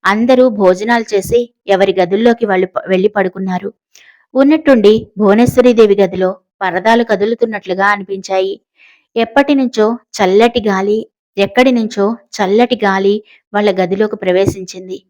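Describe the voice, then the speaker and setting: A woman narrating a suspense novel in steady storytelling style. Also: medium pitch, normal speed. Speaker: audiobook narrator. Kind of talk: scripted narration.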